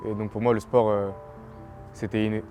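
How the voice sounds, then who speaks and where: In an interview with faint music underneath, a twenty-year-old athlete from French Guiana talks casually about his path in sport. He's relaxed and plain-spoken, using fillers, with a lowish voice at a moderate pace.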